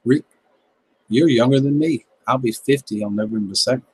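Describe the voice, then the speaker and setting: Casually reading viewer comments, a Southern American man in his fifties hosts a gardening livestream in an easygoing, joking, folksy way. His medium-pitched, slightly mellow voice moves at a moderate pace. The rough recording has a little hiss or hum.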